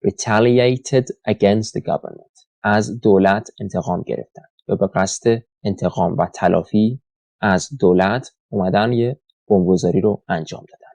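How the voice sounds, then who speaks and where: Male teacher, low mellow voice. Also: gravelly, no room sound. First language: Persian. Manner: explains in Persian, reads English examples slowly and deliberately. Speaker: English teacher. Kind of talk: vocabulary lesson.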